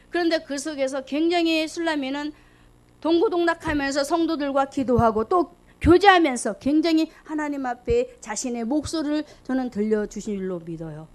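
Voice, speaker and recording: A woman with a high voice preaches a fervent sermon. She talks in an animated, exclamatory way, rising to loud calls and dropping to hushed asides. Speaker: lay preacher.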